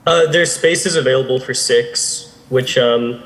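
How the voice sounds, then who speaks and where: A man on city staff answering council questions in a halting, hesitant way. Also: mid-range voice. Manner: halting and hesitant, many fillers. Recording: long reverb of a council chamber.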